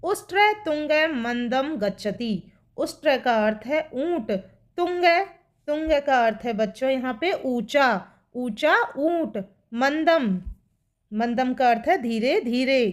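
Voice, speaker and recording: A woman teacher walks children through a poem, taking it slowly and patiently. Her voice sits high, and she repeats every meaning so it sticks. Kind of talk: explaining a Sanskrit poem to children.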